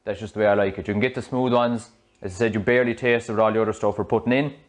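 A man in his thirties with an Irish accent, a fitness coach talking through a smoothie recipe in his home kitchen on a clip-on mic, chatty and explanatory. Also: lowish voice, steady tone, very fast. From Ireland. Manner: chatty, explanatory, loose restarts. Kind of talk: casual cooking demonstration. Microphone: small clip-on mic.

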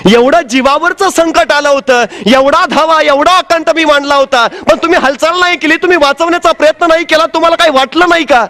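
A man's voice: very high-pitched, a little fast, hardly any pauses, sharp tone. A man voicing a young newlywed wife who pleads earnestly, within a spoken story.

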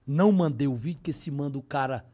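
A man's voice: a little high, quick pace, dark tone. A man from Ceará, a comedian, telling a slangy comic story with a Cearense accent on a podcast. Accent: Cearense Brazilian Portuguese. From Ceará, Brazil. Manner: slangy, acts out every voice in his story.

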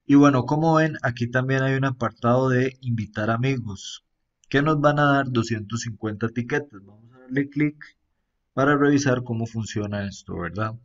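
A man talks at an easy, middling pitch through a screen-recorded app tour. He keeps it relaxed, often tagging sentences with a questioning aside and pausing on fillers. The recording sounds a little dull and muffled. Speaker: app reviewer.

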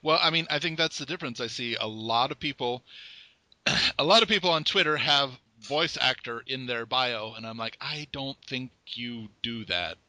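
A joking man hosting a casual interview, trading jokes and small stories with his guest. His voice is strikingly bright and sharp, recorded close and dry with no room sound. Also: mid-range voice, normal speed, dry recording. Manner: joking, conversational. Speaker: podcast host.

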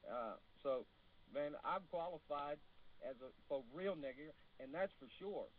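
A man's voice: fairly high pitch, lively intonation, measured pace. A man with a rural American hillbilly accent, talking casually on a radio talk show in a folksy, rambling, plain-spoken way. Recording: tinny phone line, clear background noise.

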